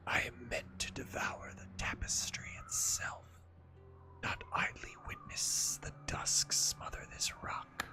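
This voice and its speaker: A man voicing a monumental, ancient, menacing serpent in a breathy hissing whisper, slow and ominous, for a game story. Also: medium pitch. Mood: bitter, brooding.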